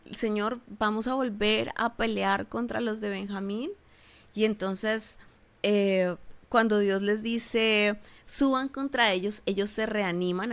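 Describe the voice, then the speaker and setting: A woman's voice: medium pitch, fairly bright tone. A woman pastor with a Colombian accent teaching a Bible passage in a conversational sermon, acting out the people's prayers in their voices.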